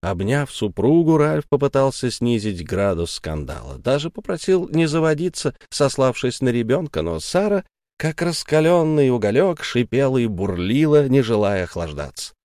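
Expressive male storyteller, lively pitch. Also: normal speed, no echo. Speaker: narrator. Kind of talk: audiobook narration. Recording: dry close recording.

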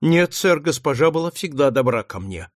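A man's voice: on the high side, lively intonation, normal speed, no room sound, studio quality, natural voice. A man reading the part of a fearful young runaway woman, who answers meekly and desperately. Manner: meek, desperate.

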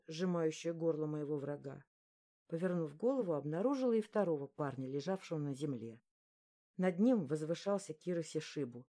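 Audiobook narrator: woman, lowish voice, steady expressive first-person reading.

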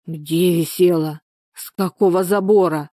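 A woman's voice: fairly low pitch, fairly even intonation, measured pace, warm tone, dry recording, studio quality, natural voice. A woman reading a storybook, voicing a stern, worried village grandmother who scolds. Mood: dismayed.

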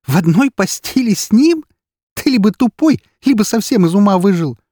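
A man voicing an arrogant, furious young elf woman, hissing and shouting in a raised voice. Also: fairly high pitch, lively intonation, a little fast, slightly rough, dry recording, studio quality, pitched above the performer's own voice. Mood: scornful.

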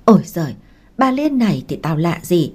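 A woman's voice: fairly low pitch, very animated, moderate pace, darkish tone, breathy edge. A woman voicing a blunt, talkative older neighbor woman. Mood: indignant. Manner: blunt, chatty.

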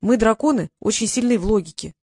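A woman's voice: a little high, expressive, fast, a little mellow, breathy edge, no echo, studio quality. A woman voicing a young, timid dragon boy who speaks guiltily and sadly in an audiobook. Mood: apologetic. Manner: guilty, sad.

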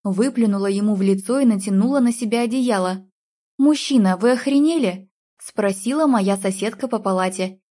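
A woman reads an audiobook chapter in the first person, in a mellow, warm voice of middle pitch. Her reading is emotional and dramatic. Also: fairly quick, few pauses. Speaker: audiobook narrator.

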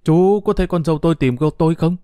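A man's voice: fairly high pitch, fast, dark tone, no room sound, clean studio sound, pitched above the performer's own voice, close to an everyday voice. Man voicing an anxious old grandfather.

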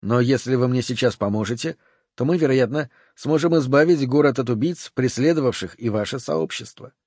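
A man reading an audiobook voices a calm, courteous and commanding male FBI agent who speaks in a measured way. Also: mid-range voice, dry recording, studio quality, lightly acted.

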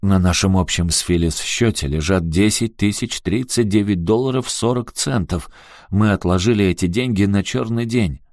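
A man's voice: fairly low pitch, darkish tone, no echo, clean studio sound, lightly acted. A man reading an audiobook and voicing a bewildered, anxious middle-aged man. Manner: bewildered, plaintive, slow.

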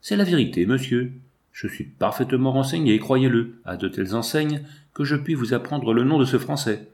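A man's voice: mid-range voice, animated, moderate pace, darkish tone, natural voice. A man voicing a sly, insistent male business agent in an audiobook, with an eager, self-assured manner. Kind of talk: audiobook character voice.

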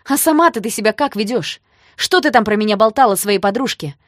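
A woman's voice: fairly high pitch, lively intonation, brisk, no echo, studio quality, pitched above the performer's own voice. A woman voicing a scornful young guy. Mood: angry. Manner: heated, biting delivery. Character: angry proud young man, scornful and hot-tempered. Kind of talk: audiobook dialogue reading.

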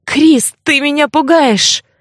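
A woman's voice: a little high, unhurried, dry recording, clean studio sound, lightly acted. A woman voicing a frightened young orphan girl who pleads in a trembling voice.

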